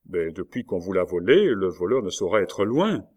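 A man's voice: sits low, sing-song, normal speed, darkish tone. Brief: man doing a small pompous older official, exclaiming, audiobook reading. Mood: curious.

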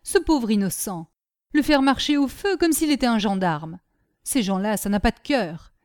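A woman's voice: high voice, big pitch swings, a little mellow, pitched above the performer's own voice. A woman doing Nanon, a scolding old servant. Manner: scolding, quarrelsome, quick retorts.

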